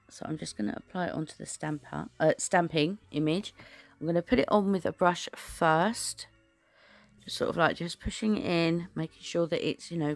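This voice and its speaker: Woman, low gravelly voice, chatty rambling nail tutorial voice-over, dry close sound, faint music behind. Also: no room sound. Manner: chatty, rambling, many fillers and restarts. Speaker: nail art creator.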